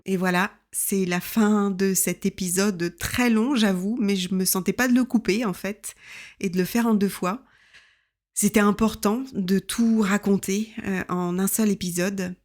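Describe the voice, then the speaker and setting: A woman in her fifties reading her own memoir aloud in an intimate, reflective, measured way. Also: medium pitch, fairly even intonation, a little mellow, soft background music. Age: 50s.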